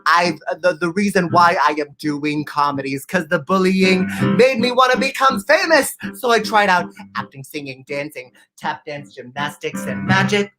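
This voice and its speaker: A young musical comedian performs comedy songs and stage patter for an online show, theatrical and self-mocking in style. His voice is high and his speed normal, with music in the background.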